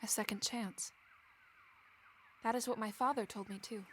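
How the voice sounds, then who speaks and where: A woman's voice: fairly high pitch, steady tone, moderate pace, a little hiss or hum, natural voice. A woman playing a free-thinking young Regency lady in a stagey period drama, genteel and questioning. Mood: doubtful, reflective.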